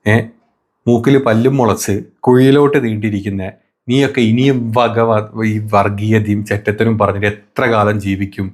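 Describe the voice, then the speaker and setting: A man's voice: on the low side, steady tone, moderate pace. A man hosting political commentary, mocking debate clips with sarcastic, crude insults and mock-affectionate taunts.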